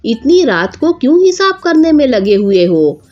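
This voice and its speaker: Woman as excitable village mom, scolding, high and lively, storybook. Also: normal speed, lo-fi sound, faint music behind. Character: fussy middle-aged village mother.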